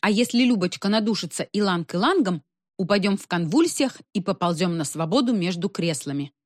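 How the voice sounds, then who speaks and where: A woman reads a humorous story aloud in an expressive, wry way. Her pitch swings in a lively way from phrase to phrase. The recording is dry and close, with no room echo. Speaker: audiobook reader. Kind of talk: scripted narration.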